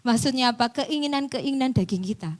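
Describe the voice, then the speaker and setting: A woman preaching a sermon, dropping to near-whispers and then rising to loud, emphatic bursts, laughing now and then. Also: sits high, a little fast. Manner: laughs between points, mixes in local slang.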